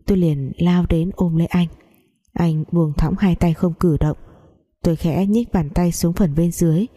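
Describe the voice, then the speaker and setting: A woman narrating a dramatic story in the first person, steady and measured. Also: low voice.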